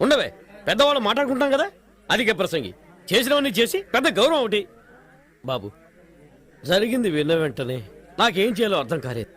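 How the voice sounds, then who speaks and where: An actor playing an exasperated older father in dubbed film dialogue, pleading and scolding in an excitable way. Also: sits high, quick pace, long pauses, full character voice.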